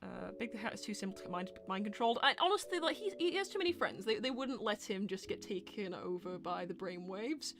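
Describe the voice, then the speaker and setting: Speaking fast with few pauses, this woman has an expressive, medium-pitched voice. She's the host and voice actor of a live character Q&A show, casually and animatedly reading audience questions and mulling over her answers out loud.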